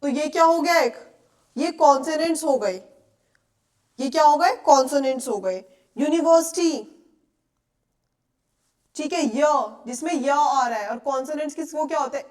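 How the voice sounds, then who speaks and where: Young Indian woman teacher, high voice, patient explainer who keeps checking the class understands. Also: normal speed, a little mellow. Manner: explains patiently, asks checking questions often. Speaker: English teacher. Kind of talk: classroom lecture.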